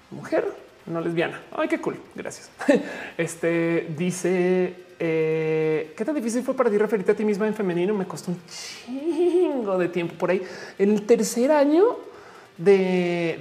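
A woman's voice: mid-range voice, darkish tone. A woman in her forties with a Mexican accent, casually chatting and reading viewer comments aloud, laughing often. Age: 40s. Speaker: streamer answering chat. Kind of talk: casual live chat.

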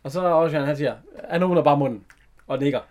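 Co-host, male: relaxed film chat, fillers and laughs, voice a bit high. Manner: chatty, hesitant, laughs often. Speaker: podcast co-host. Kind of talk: casual chat retelling a film.

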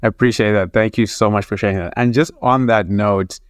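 A man's voice: fairly low pitch, fairly even intonation, a little fast, clean tone, no echo, studio quality. A man hosting an interview, asking questions in a polite, appreciative way. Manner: courteous, appreciative. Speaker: interviewer, host.

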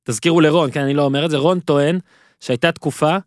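Playful higher-voiced male podcast host. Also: fairly even intonation, dry recording, studio quality. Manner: playful, jokey, quick asides to listeners. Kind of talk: casual podcast conversation.

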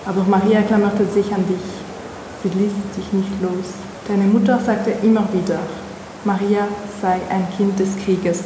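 A woman's voice: medium pitch, fairly even intonation, unhurried. Woman reading prose in an echoey hall. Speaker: author reading aloud. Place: museum event space. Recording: echoey hall with background noise.

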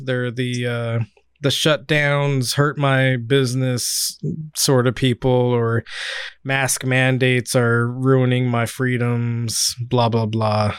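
A man's voice: medium pitch, smooth, no echo, studio quality. A man from California hosting a casual political podcast, sardonic and rambling, with many fillers. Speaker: podcast host.

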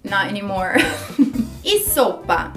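A Brazilian woman teaching English pronunciation, cheerful, laughing often and repeating words slowly. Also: mid-range voice, sing-song, soft background music. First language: Portuguese. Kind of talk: bilingual pronunciation lesson.

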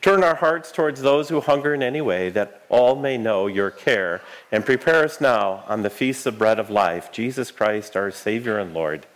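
A man speaking as a Lutheran pastor, leading prayers and liturgy in a measured, solemn, formal way. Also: on the low side, expressive, low-quality recording.

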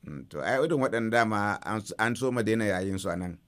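A man's voice: on the low side, quick pace, fairly bright tone. A man with a Nigerian Hausa accent hosting a radio interview, echoing and completing his guest's points. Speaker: radio host.

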